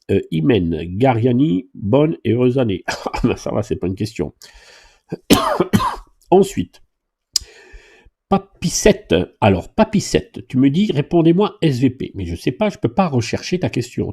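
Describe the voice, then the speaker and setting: A man's voice: medium pitch, warm tone, breathy edge. A man who teaches driving, answering viewer questions live in a chatty, joking way and reading comments aloud. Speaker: driving instructor and YouTuber.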